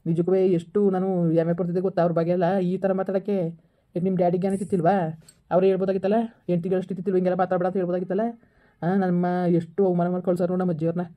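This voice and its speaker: Rapid-fire angry man on a muffled phone. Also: high voice, flat delivery. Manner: angry, insistent, repetitive scolding. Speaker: husband in a family skit. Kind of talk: scripted family drama over a phone call.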